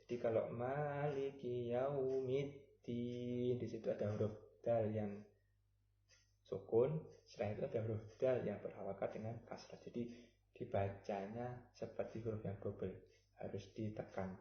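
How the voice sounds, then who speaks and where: A man teaching Quran recitation, explaining patiently and chanting example verses slowly. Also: lowish voice, little pitch movement. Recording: roomy, slightly dull recording.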